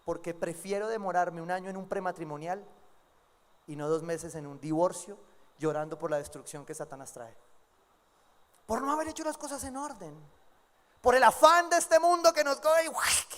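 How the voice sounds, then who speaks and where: Pastor guy preaching, really high voice, jokey, big churchy reverb. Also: moderate pace, long pauses. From Colombia. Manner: lively, acts out quoted congregants with humor. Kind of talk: sermon. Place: church sanctuary. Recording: long church hall reverb.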